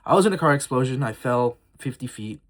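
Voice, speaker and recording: Speaking a little fast in an expressive, mid-range voice, a man in his early twenties records a candid vlog on his phone. He rambles through heartfelt reflections and confessions, filling gaps with plenty of fillers.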